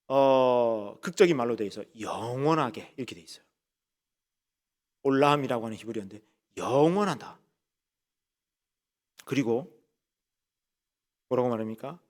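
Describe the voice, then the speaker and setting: A male pastor preaching a sermon with emphasis, asking the congregation rhetorical questions and slowing down to lean into key phrases. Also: mid-range voice, expressive.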